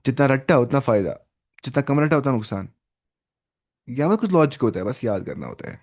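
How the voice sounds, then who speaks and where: A man's voice: mid-range voice, lively intonation, a little mellow. Guy teaching online, keeps repeating phrases and pushing the student to answer, mid voice. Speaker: Arabic teacher. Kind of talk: online language lesson.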